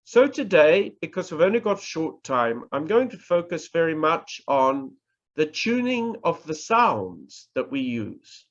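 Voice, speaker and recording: Teaching public speaking over a video call from indoors, this middle-aged New Zealand lecturer is very animated yet deliberate. He speaks slowly and emphatically in an instructional manner, pitch swinging widely, pausing and repeating himself. The call microphone leaves his audio muffled.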